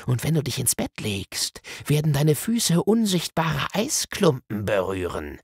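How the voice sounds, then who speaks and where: A man voicing Jadis, a cruel, imperious witch queen, speaking slow, threatening curses. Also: on the high side, big pitch swings, a little mellow, slightly rough, dry recording, studio quality, exaggerated voice. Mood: menacing. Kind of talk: audiobook reading.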